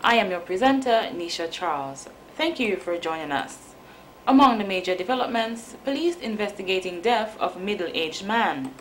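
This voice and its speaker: A woman with a Dominican Caribbean accent reading the news in a formal, measured way. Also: mid-range voice, animated, slight background noise. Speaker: news presenter.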